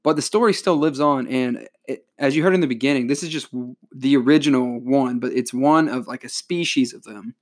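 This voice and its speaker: A man's voice: mid-range voice, brisk, few pauses. Joking man reading legends aloud. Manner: joking, animated storytelling. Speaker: podcast co-host.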